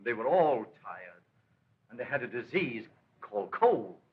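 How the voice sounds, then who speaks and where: An actor playing a gentle, elderly great-grandfather who mildly recalls the old days to a child, in 1930s film acting. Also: medium pitch, very animated, a little slow, creaky. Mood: reminiscing. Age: older. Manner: mild, reminiscing storytelling. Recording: dull lo-fi 1930s film soundtrack.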